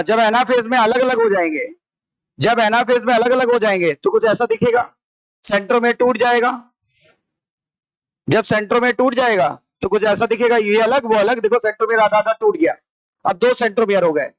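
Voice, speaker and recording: High-voiced Indian man drilling a class. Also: moderate pace, no echo, highs cut off. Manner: repetitive question-and-answer drilling. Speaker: biology teacher. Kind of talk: classroom lecture. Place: coaching classroom.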